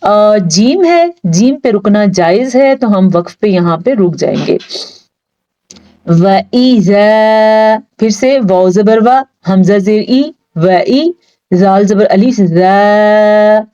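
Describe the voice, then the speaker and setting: A woman teaches Quran recitation rules in an unhurried, deliberate way, stretching each practised word out long. Her voice is mellow and dark rather than bright. The recording sounds a little dull and lo-fi. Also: mid-range voice. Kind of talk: step-by-step pronunciation lesson.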